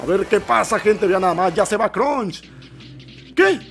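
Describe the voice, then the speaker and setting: A man giving excitable, nervous let's-play commentary and constantly calling out to his viewers. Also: high-pitched, a little slow, gravelly. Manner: excitable, nervous reactions, keeps addressing viewers as "gente". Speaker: gameplay commentator.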